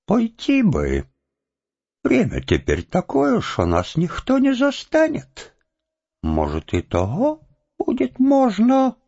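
Storybook role: a man playing a stubborn old Cossack, high and grumbling, mutters and flares up; dull recording. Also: huge pitch swings, slow pace, vocal fry, dark tone, exaggerated voice. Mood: muttering. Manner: muttering to himself, indignant outbursts. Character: aging grumbling Cossack villager, stubborn and resentful. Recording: dull lo-fi audiobook, faint music.

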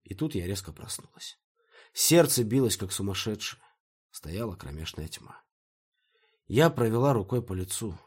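A man narrating a first-person story as an audiobook reader, with expressive storytelling. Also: on the low side, normal speed, pauses often, slightly rough.

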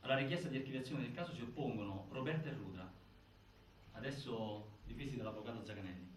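Findings from an inquiry into a prison death are recited by a male actor whose medium-pitched voice sounds close to everyday speech, with forceful emphasis and hesitant breaks in a documentary-theatre manner. He sounds grave and insistent throughout. The noisy, echoing recording was picked up far from the indoor stage.

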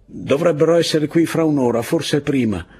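A man playing an exalted, fanatical army captain who shouts at his soldiers in an audiobook reading. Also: on the high side, normal speed, breathy edge, voice pushed up. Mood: tense, commanding.

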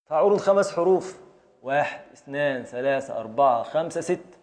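Brisk and animated, a man whose voice is on the high side and a little mellow teaches a classroom lesson on Arabic prosody. He has an Egyptian Arabic accent and patiently drills students by repeating and counting along with them.

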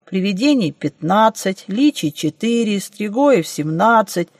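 A woman's voice: medium pitch, animated, a little slow, no echo, clean studio sound. A woman voicing a grumpy, fussy old hunchbacked gatekeeper in an audiobook, scolding in a bureaucratic way. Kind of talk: audiobook reading.

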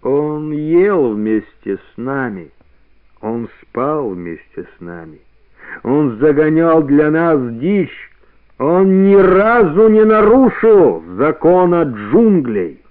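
A proud old wolf leader speaks with slow, stern dignity, as a male reader puts him on, building to solemn force. The sound is thin and boxy, like an old radio broadcast. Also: fairly high pitch, very animated, pitched above the performer's own voice. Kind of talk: radio play reading. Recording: narrow-band old radio recording.

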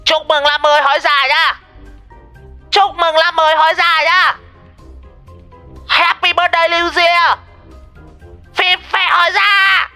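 A man voicing a pet parrot, screeching its greetings in a very high, shouted voice. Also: little pitch movement, slow, pauses often, soft background music, full character voice. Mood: shrieking. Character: shrieking pet parrot, startled awake.

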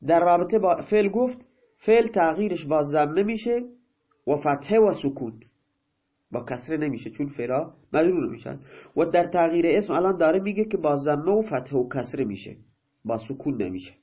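A man's voice: fairly high pitch, animated, husky. A male teacher giving a grammar lesson, reading a line of text and then explaining it in plain, everyday talk. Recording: dull, lo-fi recording.

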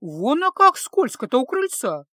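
A fussy elderly neighbor, put on by a woman reader, mumbling in a high, shaky voice that climbs well above the narration. Her chatter is fretful and quick. The audiobook is recorded close and dry. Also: wildly swooping pitch, sharp tone, no echo, heavily acted. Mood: fussing.

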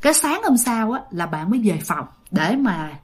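A woman's voice: mid-range voice, moderate pace. A woman telling a ghost story in a chatty, repetitive way, speaking straight to her listeners. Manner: animated, repetitive, addresses listeners directly.

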